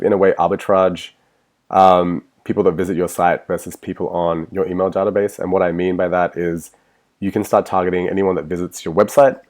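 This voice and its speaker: An Australian man with a cold, sniffling, presents a marketing webinar over slides in a low-pitched, darkish voice. His casual delivery is full of ums and restarts.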